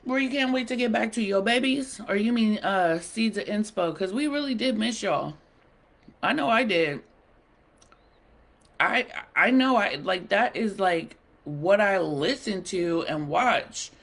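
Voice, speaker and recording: A woman hosts a casual livestream and banters playfully with her viewers while she eats. Her voice has a gravelly, fry-edged texture. She talks at an unhurried, easygoing pace. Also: mid-range voice, expressive, fairly bright tone. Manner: chatty, playful, bantering with the chat. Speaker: livestream host.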